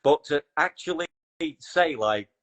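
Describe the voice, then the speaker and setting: A man hosting a podcast in casual chat, animated and swearing when excited. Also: on the high side, unhurried. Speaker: podcast host.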